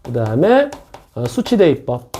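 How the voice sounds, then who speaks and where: Between explanations in a casual academy math class, a middle-aged man trades jokes and chatty asides with his students. His pitch is a little high and swoops wildly, and he talks at a moderate pace over background noise.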